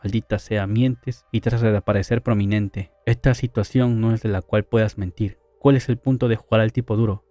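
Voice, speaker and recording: A man's voice: fairly low pitch, steady tone, normal speed, few pauses, dark tone, dry recording, natural voice. Subaru, a man reading a defiant cornered youth.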